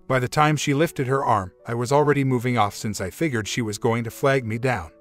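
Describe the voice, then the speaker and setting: A man narrating a first-person relationship story in a steady, even storytelling manner. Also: medium pitch, fairly quick. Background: faint music.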